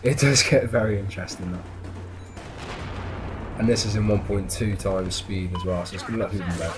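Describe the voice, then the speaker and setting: A man's voice: low voice, a little fast, over music. A young man casually commentating on his own shooter gameplay, easygoing and self-deprecating. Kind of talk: casual banter over gameplay footage.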